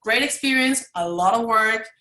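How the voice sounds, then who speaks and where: A bright-voiced woman in her twenties, from Mexico, chats loosely on a video call and strings her thoughts together with plenty of fillers. Her voice comes through with a roomy echo. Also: a little high, normal speed. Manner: chatty, rambling with many fillers. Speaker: advertising student. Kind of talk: casual video call chat.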